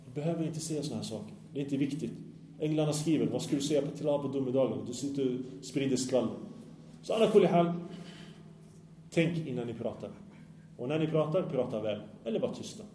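A man's voice: mid-range voice, warm tone, reverberant, a little hiss or hum. A man preaching an Islamic sermon to young people, earnest and often asking the audience questions.

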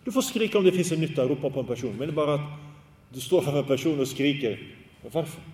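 Man, Islamic preacher, earnest exhorting sermon, somewhat high-pitched, Arabic religious phrases, roomy reverberant hall. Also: animated, darkish tone, far from the mic. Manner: earnest, exhorting tone with rhetorical questions.

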